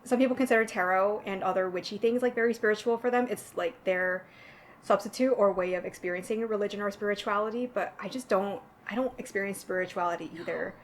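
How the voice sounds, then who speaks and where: Relaxed woman hosting a casual chat. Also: medium pitch, quick pace, a little hiss or hum. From Southern California. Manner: relaxed, chatty, reads prompts aloud. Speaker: host.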